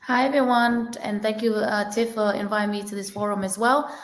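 A woman's voice: medium pitch, fairly even intonation, a little fast. A woman introducing herself on an advice panel, a bit hesitant with fillers. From Hanoi, Vietnam. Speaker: panelist, program manager. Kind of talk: advice panel on a video call. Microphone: webcam video call. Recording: echoey room on a video call.

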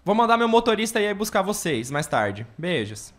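A man's voice: high voice, very animated, moderate pace. A man playing an earnest, lovestruck young seminarian in a radio soap opera. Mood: affectionate.

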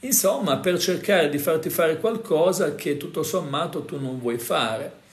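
A man's voice: fairly high pitch, measured pace, roomy sound. A man hosting a casual talk, explaining things to viewers in a conversational way, full of fillers and tag questions. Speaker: host.

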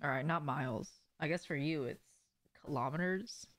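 A young adult woman streams a game from a small room at home, chatting casually with her viewers in an offhand, sweary way and asking lots of questions. Her low voice is fairly bright, she speaks at a normal speed, and the recording is dry.

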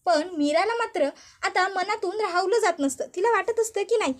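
A woman storyteller retelling a serial episode in a steady, linking style. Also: very high voice, normal speed. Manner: steady, connective narration.

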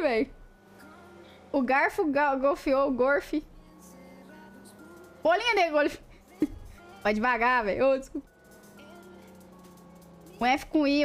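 A high-pitched woman with a Brazilian Portuguese accent chats casually on a live stream, playful and giggly. She greets viewers by name and laughs as she stumbles over tongue twisters.

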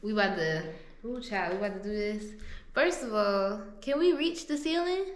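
Woman, joking casual chat, faint noise, middle pitch. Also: animated, moderate pace, reverberant. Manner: playful, joking.

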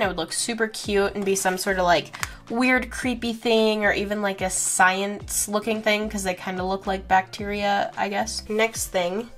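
A young woman vlogger, congested and sick, chatting casually through a haul video with lots of fillers. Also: mid-range voice.

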